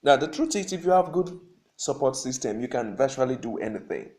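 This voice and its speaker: A man's voice: medium pitch, expressive, a little fast, a little mellow. Seated man teaching a singing lesson. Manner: instructive, repeats points, asks "okay?"; seated while talking. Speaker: vocal coach.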